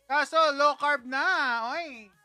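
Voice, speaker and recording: A man's voice: very high-pitched, fairly even intonation, slow, sharp tone. A man hosting a casual livestream, chatting with viewers in a playful, teasing way and laughing often. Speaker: livestream host.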